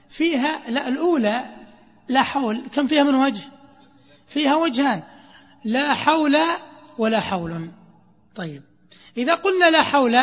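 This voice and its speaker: A man teaching a grammar lesson, quizzing his students and drawing phrases out slowly. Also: extremely high pitch, a bit bright. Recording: muffled lecture recording in a reverberant hall.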